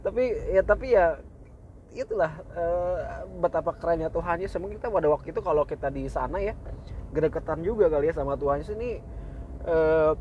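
A man's voice: fairly high pitch, a little mellow, highs cut off, slight background noise. A young man giving a casual, slangy faith talk, laid back and full of fillers and chuckles.

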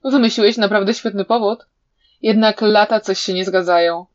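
A woman voicing a sharp-tongued young male hero who cuttingly provokes and interrogates his enemy, in a slightly dull recording. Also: mid-range voice, fairly even intonation, normal speed, natural voice. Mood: taunting.

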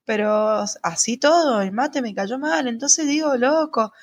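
A young woman with an Argentine accent co-hosting a podcast, talking fast and slangy in casual chat. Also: a little high, a little hiss or hum. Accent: Argentine Spanish. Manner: rapid, slangy, expressive. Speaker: podcast co-host.

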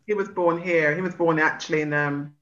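Bright-toned British woman. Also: sits low, fairly even intonation, fairly quick, highs cut off. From Britain. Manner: chatty, laughs between remarks. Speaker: guest. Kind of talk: casual chat.

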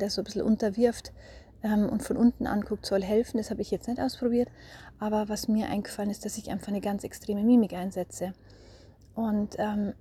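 A mother in her thirties talking through her parenting experience in a thoughtful way, often pausing to find her words. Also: mid-range voice, dark tone, breathy edge. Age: 30s. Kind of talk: casual spoken monologue.

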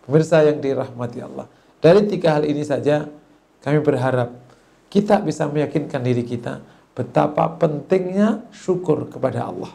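A man giving a sermon, telling stories and acting out the children and a grandmother in squeaky raised voices. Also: moderate pace, gravelly, warm tone. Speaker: preacher. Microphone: voice message recording.

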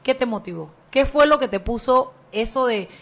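A woman's voice: a little high, expressive, moderate pace, fairly bright tone. A woman hosting a radio talk show, commenting on the news with emphatic, indignant, playful remarks and interviewing guests. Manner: emphatic, indignant, playful Cuban-style slang.

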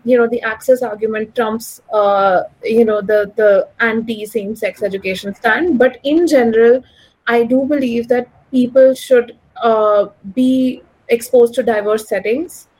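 This roughly recorded clip features a woman near thirty, an economist being interviewed, whose slightly high, somewhat mellow voice stays steady and unhurried. Her accent is posh, educated urban Delhi Indian English. She gives opinionated, articulate replies, frequently saying "like" and "you know."

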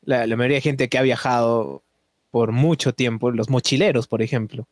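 A man's voice: medium pitch, steady tone, moderate pace, dry recording, clean studio sound. A man hosting a podcast in casual chat, chatty and often tagging questions onto his sentences. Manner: chatty, frequent tag questions. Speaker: podcast host.

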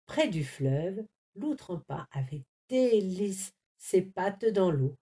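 A woman reading a children's storybook aloud, clearly and expressively. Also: mid-range voice, big pitch swings, takes it slowly, dark tone.

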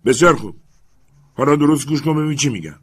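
A man voicing an excitable, obsessed master who shouts urgent commands up a tree. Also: on the high side, husky, pitched above the performer's own voice. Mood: urgent, commanding.

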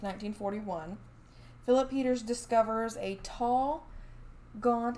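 A woman co-hosting a podcast tells a true story in a casual chat, full of fillers and restarts. Her voice is fairly high and a little mellow.

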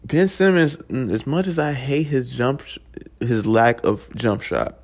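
Young adult man hosting a casual podcast from home, profane and rambling, with a lively, swinging pitch. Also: a little slow. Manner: loose, profane, rambling with restarts. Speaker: podcast host. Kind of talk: casual solo podcast talk.

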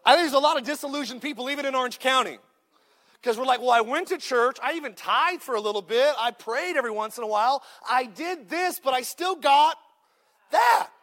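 With an extremely high, slightly bright voice and a slightly quick pace, a thirty-something pastor delivers a sermon. He jokes, hits his points hard, and calls out to the crowd.

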